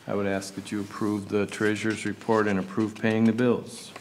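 Low male treasurer, plain figures read out, light hiss. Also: flat delivery, normal speed. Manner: matter-of-fact, reading figures. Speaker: watershed board treasurer. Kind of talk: meeting report.

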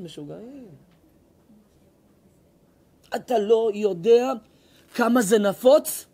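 A male rabbi giving a sermon in an emphatic, scolding, animated storytelling manner. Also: very high voice. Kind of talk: sermon with acted-out stories.

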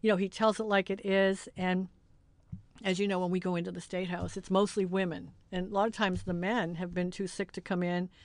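A woman's voice: lowish voice, level tone, fairly quick, dry recording. Candid, emotional middle-aged woman host. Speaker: podcast host. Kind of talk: casual podcast wrap-up chat.

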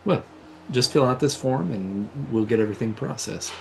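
A man narrating as game master in a relaxed, descriptive way, filling pauses with uh. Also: medium pitch, gravelly, a little hiss or hum. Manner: relaxed, descriptive, with many fillers.

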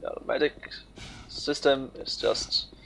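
A man gives casual, jokey let's play commentary while playing a game on video, speaking in an unhurried way. He exclaims and laughs often, and there's background noise.

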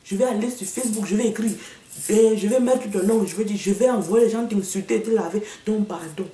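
A woman's voice: medium pitch, fairly quick, dark tone. A woman delivering a sassy, mocking comic rant to the camera, slipping into English and slang. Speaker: comedian vlogger. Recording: echoey room, a bit far from the mic.

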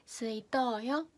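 Young fukuoka girl chatting on her stream, hakata accent, high bright voice, bubbly with soft little asides. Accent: Hakata dialect. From Fukuoka, Japan. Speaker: idol livestream host. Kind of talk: casual livestream chat reading comments.

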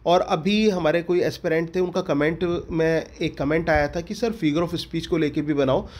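Male tutor with Indian English accent, high-pitched voice, exam-prep lecture, quizzes and answers himself, stretches out English terms. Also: darkish tone. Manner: repeats questions to students and answers them, slowing for English terms. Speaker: English literature teacher.

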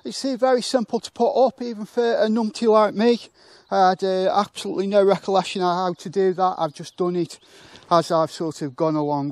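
A man casually demonstrating how to pitch a tent outdoors, chatting and thinking aloud with fillers, poking fun at himself. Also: darkish tone, dry recording. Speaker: motorcycle touring reviewer.

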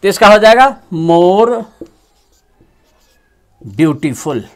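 A grammar teacher giving a lesson in Hindi. The teacher explains rules slowly and stretches words out while writing. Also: medium pitch, expressive. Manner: slow, drawn-out dictation while writing. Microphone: phone on a tripod with a clip-on mic.

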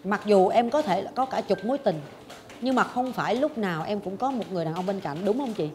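A woman's voice: mid-range voice, expressive, fairly quick, darkish tone, a little hiss or hum. A woman, hosting a talk show and dramatically telling a personal story, acting out her own past thoughts. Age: 40s. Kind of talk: confessional storytelling chat.

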